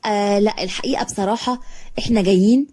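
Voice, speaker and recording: A woman's voice: medium pitch, quick pace, a little mellow, lightly acted. A woman voicing a cold, curt Egyptian aunt. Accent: Egyptian Arabic. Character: cold dismissive aunt rejecting orphaned niece.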